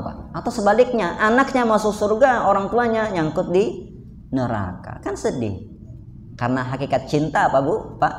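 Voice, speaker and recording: A man preaching a casual, joking sermon to a live congregation, often turning to his listeners directly. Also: fairly high pitch. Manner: jokey, keeps addressing listeners directly. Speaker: Islamic preacher. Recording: echoey hall with faint background noise.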